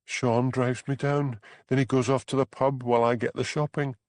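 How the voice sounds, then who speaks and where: Here a man's natural voice, level in tone and moderate in pace, performs an audiobook character: a tearful, anxious young crofter's wife trapped in an unhappy marriage. He renders her pleading, plaintive and high-pitched. No room sound comes through.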